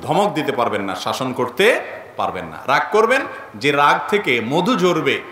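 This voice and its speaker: A man's voice: mid-range voice, very animated, moderate pace, sharp tone, reverberant. A man preaching a sermon, earnest, often asking his listeners rhetorical questions. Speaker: Islamic preacher.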